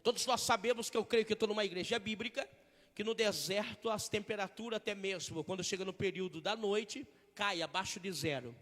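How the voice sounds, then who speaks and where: A Brazilian man preaching a fiery sermon, jumping between loud shouts and hushed, joking asides. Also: high-pitched, a little fast. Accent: Brazilian Portuguese. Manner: swings from shouting to hushed asides, jokey impressions. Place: church hall. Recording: large church hall reverb.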